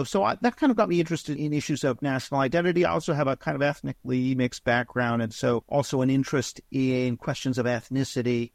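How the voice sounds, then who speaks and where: A middle-aged man from Canada, a guest professor giving interview answers in a measured, explanatory academic way. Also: mid-range voice, no echo, studio quality.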